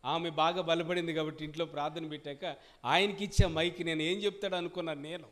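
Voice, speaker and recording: A man's voice: fairly high pitch, fast. A male pastor preaching a Sunday sermon, telling a testimony and asking the congregation questions. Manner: animated preaching, asks the congregation questions and rises to loud peaks. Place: church service.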